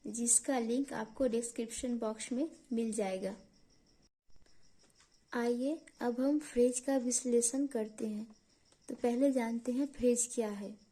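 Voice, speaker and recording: A woman with an Indian accent who teaches English grammar in Hindi. She reads each English definition slowly and carefully, then explains it. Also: fairly high pitch, mellow. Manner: slow, careful reading of English definitions before explaining them.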